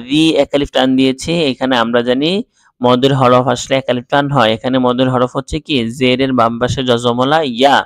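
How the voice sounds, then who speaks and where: A man teaching Quran reading, spelling out letters and vowel marks slowly and then explaining quickly. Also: medium pitch, no room sound. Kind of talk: slow syllable-by-syllable recitation lesson.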